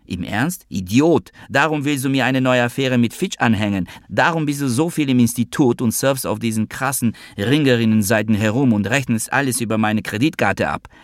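A man's voice: medium pitch, dry recording, clean studio sound, pitched above the performer's own voice, natural voice. A male reader voicing a bitter, accusing woman doctor in an audiobook, with a raised voice. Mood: scornful. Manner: scornful, accusing, quick to attack.

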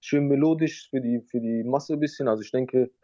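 Laid-back rapper with a dull, dry sound. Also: male voice, mid-range voice, a little fast, mellow, no room sound. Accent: Mannheim German. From Germany. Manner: laid-back, slangy, agreeable. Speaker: rapper, guest. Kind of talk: casual interview.

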